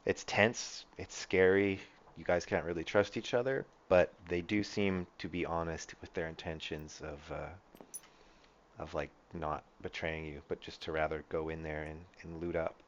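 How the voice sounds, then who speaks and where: A man's voice: low voice, steady tone, moderate pace, lo-fi sound, a little hiss or hum. A man narrating as game master of a tabletop role-playing game, loose and full of fillers.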